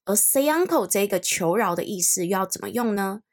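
A young woman hosting a podcast pronunciation lesson, patiently modeling English phrases slowly for listeners to repeat. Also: mid-range voice, expressive. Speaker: English teacher and podcast host.

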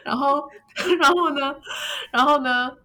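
A woman co-hosting a casual podcast chat, telling a story in an animated way and laughing often. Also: high-pitched, a little slow. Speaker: podcast co-host.

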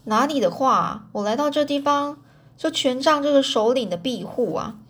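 A woman voicing a bold young male newcomer in a storybook reading, calm and polite. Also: high voice, normal speed, a little hiss or hum, voice pushed up.

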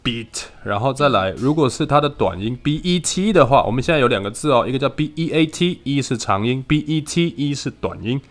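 A man teaching English vowel sounds in a relaxed lesson, patiently drilling his student with quick "good" and "OK" cues. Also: mid-range voice. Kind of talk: casual phonics lesson.

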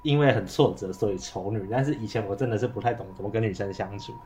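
A man's voice: fairly low pitch, quick pace, a little mellow, a little hiss or hum. A man with a Taiwanese Mandarin accent co-hosts a casual podcast chat, muffled by a face mask and stuffed up with a cold and cough. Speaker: podcast co-host.

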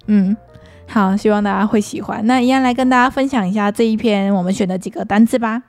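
A woman's voice: medium pitch, quick pace, faint music behind. A woman, co-hosting a casual podcast chat about Japanese words, laughing often and repeating herself while she thinks. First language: Mandarin. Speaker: podcast co-host.

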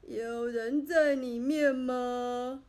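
Woman doing a slow frail old man. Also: high-pitched, steady tone, a little mellow. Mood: apologetic. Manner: slow, hesitant, apologetic. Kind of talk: storybook reading.

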